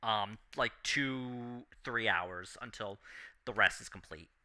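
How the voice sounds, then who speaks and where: A man refereeing a tabletop game as game master, explaining rules casually and haltingly. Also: on the low side, sharp tone.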